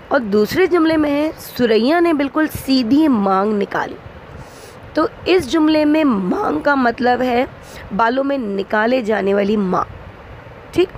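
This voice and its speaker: A woman teaching an online grammar lesson to schoolchildren, explaining slowly and spelling words out letter by letter. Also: medium pitch, slight background noise.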